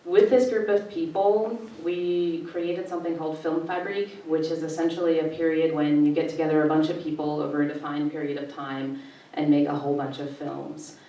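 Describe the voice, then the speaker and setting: Woman in her 40s, low voice, easygoing panel speaker, heard from a distance in an echoey gallery. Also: moderate pace. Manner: relaxed, conversational, presenting slides. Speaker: panelist, filmmaker and festival director. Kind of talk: panel talk with slides. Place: art gallery. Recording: echoey gallery room from far off.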